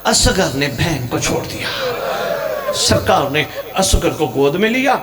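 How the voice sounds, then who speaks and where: Male cleric, emotional mourning sermon, sing-song, slightly high voice. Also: sing-song, heavy background noise. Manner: impassioned, sing-song chanting with sudden swells. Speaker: Shia religious preacher. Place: religious gathering in Punjab.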